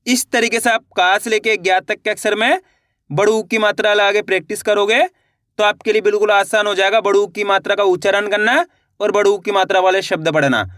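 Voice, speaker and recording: A man's voice: high voice, fairly even intonation, brisk, a bit bright, dry recording, clean studio sound. A man teaching a reading lesson, patiently spelling words out syllable by syllable and then blending them, talking to viewers as friends.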